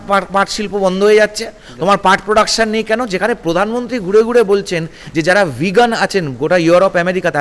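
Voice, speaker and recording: A combative man, talking in a high-pitched voice as he fires off rhetorical grievances in bursts. His voice echoes with a long reverberant tail, as in a large room. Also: a bit bright. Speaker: political guest. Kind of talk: heated political interview.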